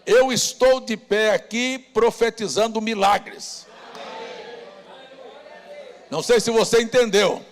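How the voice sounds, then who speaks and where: A man preaching a sermon as pastor, rousing the congregation with shouted calls. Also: high-pitched, steady tone, takes it slowly, long pauses. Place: church hall. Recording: long church reverb.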